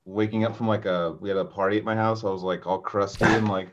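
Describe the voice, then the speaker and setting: A man in casual podcast chat, rambling and animated, swearing often. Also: on the low side, fast, dull audio. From Bay Area, California.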